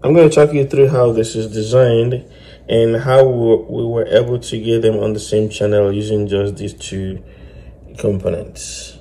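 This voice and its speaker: Hosting an electronics tutorial, a man explains a hands-on demonstration one step at a time in an informal way. His medium-pitched voice is mellow and fairly even, a little slow, with faint noise in the background.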